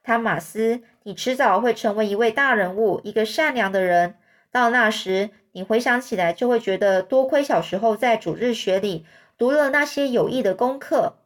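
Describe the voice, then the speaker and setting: A woman voicing a solemn older male judge who lectures a child slowly and patronizingly. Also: fairly high pitch, lightly acted.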